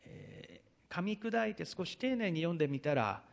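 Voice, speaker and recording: Man, pastor, sermon, reads scripture aloud, unhurried explaining, drawn-out hesitations, voice on the high side. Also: big pitch swings, creaky. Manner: unhurried, explanatory, reads verses aloud then retells them; frequent drawn-out hesitation fillers.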